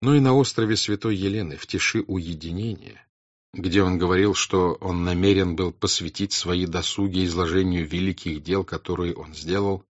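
A man narrating a classic novel as an audiobook in a measured, grave, deliberate reading style. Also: low-pitched, steady tone, no room sound. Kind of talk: scripted literary narration. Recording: dry, dull lo-fi recording.

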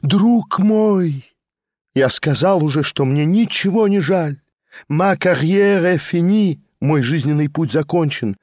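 A man reading an audiobook, voicing a frightened, tearful aging gentleman who pleads in a hushed, anxious way and drops in French phrases. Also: a little high, expressive, takes it slowly, no room sound, clean studio sound. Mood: anguished.

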